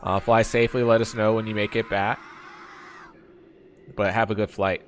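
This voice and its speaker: Chill gamer dude chatting mid-game, tells a long funny story, says bro a lot, laughs easily. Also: male voice, lowish voice, normal speed, a little hiss or hum. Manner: animated anecdote-telling, acting out friends' lines, laughs often; relaxed slangy talk, calls people bro and man. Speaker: let's play streamer. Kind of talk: casual storytelling while gaming.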